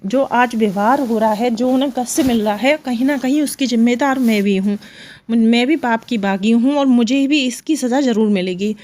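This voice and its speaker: A woman's voice: a little high, normal speed, darkish tone. Earnest woman telling a devotional story. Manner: earnest, retelling with quoted dialogue.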